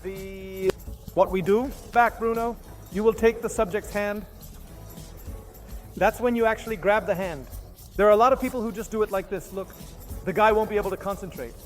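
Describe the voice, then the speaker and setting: A man teaches through an instructional hypnosis demonstration, using short, halting phrases full of commands and repetitions. His voice sits high, with faint music playing behind him.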